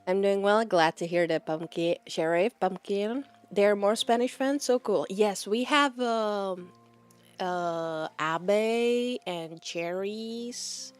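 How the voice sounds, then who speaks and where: Slow-talking woman streamer. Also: medium pitch, smooth, soft background music. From Czech Republic. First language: Czech. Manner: rambling, laughs often. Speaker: VTuber streamer. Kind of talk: casual chat with live chat.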